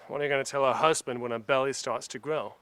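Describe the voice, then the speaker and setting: An actor playing an earnest young actor, lovesick and insistent. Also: male voice, mid-range voice, fairly even intonation, fast, a bit bright, clean tone, no echo, natural voice. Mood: pleading.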